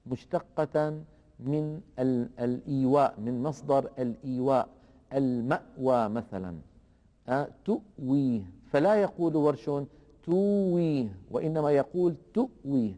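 A man teaching a lesson on the rules of Quranic reading, explaining slowly and deliberately and drawing out the example words. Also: medium pitch, mellow, big-room sound.

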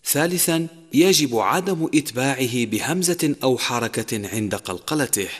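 A man's voice: medium pitch, lively intonation, slightly rough. A man giving a scripted tajweed lesson, listing points in order and drawing out sung example words. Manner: measured, numbered points, slowed sung examples. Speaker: Quran recitation teacher. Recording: long reverb, echoey.

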